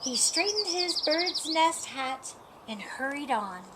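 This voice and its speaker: A woman reading a children's picture book aloud in an expressive, deliberate way. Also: high voice, noisy background. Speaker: storybook reader.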